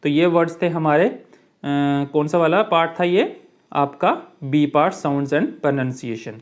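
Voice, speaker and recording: A male teacher giving a lesson, reading English lines slowly and explaining them in with fillers. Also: a little high. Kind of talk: online classroom lesson.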